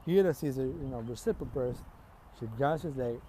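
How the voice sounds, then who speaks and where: Man, casual fan-story narration, rambling, profane, mellow dark tone, average pitch. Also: normal speed, slight background noise. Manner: rambling, profane, filler-heavy. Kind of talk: casual improvised fan-fiction retelling.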